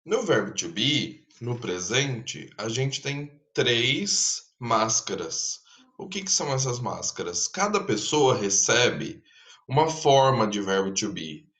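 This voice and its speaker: A man's voice: medium pitch, a bit bright. A man from Brazil teaching an English grammar lesson, explaining patiently and checking in with his students often. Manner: slow, patient explaining with frequent "tá?" check-ins. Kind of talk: recorded online lesson.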